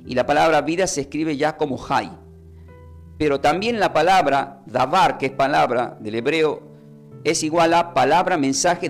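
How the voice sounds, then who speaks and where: A man, preaching a live-streamed sermon as a pastor and explaining word meanings step by step. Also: medium pitch. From Argentina.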